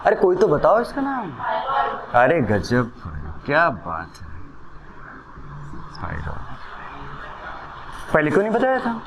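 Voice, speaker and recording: A man's voice: fairly high pitch, huge pitch swings, slow pace, pauses often, noisy background. A male chemistry teacher giving a classroom lecture, mixing Hindi and English and constantly quizzing his students with questions.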